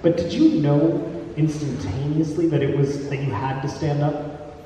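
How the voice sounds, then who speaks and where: A man's voice: on the high side, fairly even intonation, unhurried, mellow, slight background noise. A man hosting a live onstage interview, asking probing, conversational questions. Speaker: interviewer host. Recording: echoey hall from far off.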